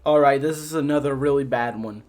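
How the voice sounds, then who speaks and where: A young man who makes videos reads aloud and reacts in casual commentary, his medium-pitched voice brisk and somewhat dark. He laughs a lot, swears, and often sounds exasperated.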